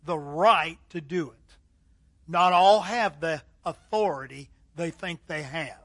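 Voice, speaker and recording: Middle-aged male preacher, high ringing tone, emphatic sermon delivery with dramatic pauses. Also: a bit bright. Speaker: pastor.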